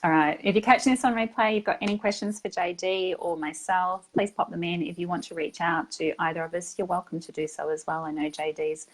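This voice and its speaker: Woman host, low voice, soothing, calm, grateful, live online chat. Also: brisk, few pauses, rough recording. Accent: non-American English. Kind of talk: livestream interview.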